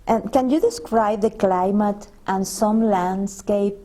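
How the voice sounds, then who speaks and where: Woman from venezuela asking questions in english, spanish first language, soft mellow voice, kinda halting. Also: mid-range voice. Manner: hesitant, halting questions with restarts. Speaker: interviewer. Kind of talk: unscripted interview questions.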